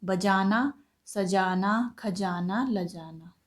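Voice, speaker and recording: A woman teacher talks through a school textbook lesson at an unhurried pace. She reads lines aloud and then explains them word by word. Her voice sits at a middle pitch.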